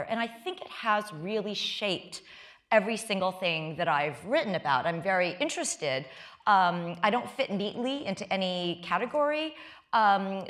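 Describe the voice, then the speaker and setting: A middle-aged Midwestern American woman, a guest author and law professor, talks candidly in an onstage conversational interview recorded live before an audience. Her voice is of ordinary female pitch with a fairly bright tone, and she often restarts sentences with self-deprecating asides.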